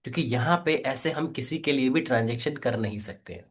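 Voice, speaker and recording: A man leading a live sales training session, energetic and coaxing, often asking "right?" and urging quick questions. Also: mid-range voice. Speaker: affiliate marketing trainer.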